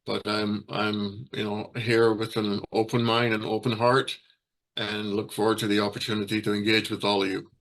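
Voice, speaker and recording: A man from Barbados speaks as a guest presenter in a low, flat, gravelly voice. He talks haltingly, restarting phrases and filling pauses as he goes. It sounds like a video call. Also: low-quality recording. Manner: halting, many fillers and restarts. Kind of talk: hesitant informal presentation.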